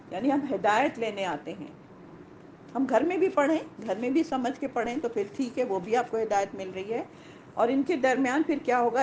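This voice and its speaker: A woman teaching a Quran lesson to women, animated, asking rhetorical questions and repeating key points. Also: fairly high pitch, slight background noise, rough recording.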